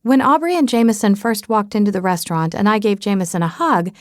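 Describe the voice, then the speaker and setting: Expressive woman narrating an audiobook. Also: medium pitch, quick pace, no echo, clean studio sound. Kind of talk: scripted first-person audiobook narration.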